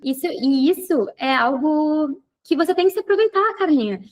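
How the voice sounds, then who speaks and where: A woman's voice: high voice, lively intonation, normal speed. A woman hosting an interview, talkative and thinking aloud with many fillers. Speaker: podcast host and physiotherapy teacher. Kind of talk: casual interview chat.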